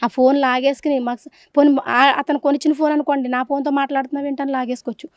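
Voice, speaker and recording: A woman's voice: high voice, level tone, quick pace, a little mellow, no echo. A woman with a Telugu accent speaking in a news interview, pleading and indignant about a family tragedy. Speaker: relative of the victim.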